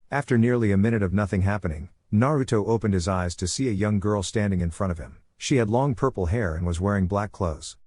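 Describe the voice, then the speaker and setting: A man reading a fan-written story aloud in a steady, even narration. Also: lowish voice, dry recording, clean studio sound.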